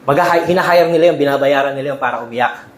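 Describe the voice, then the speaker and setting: A man's voice: a little high, fast, slight background noise. A male pastor preaching a sermon in a conversational way, often checking in with the congregation and mixing in English. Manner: mixes Tagalog and English. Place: church sanctuary. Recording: echoey church hall with faint ambience.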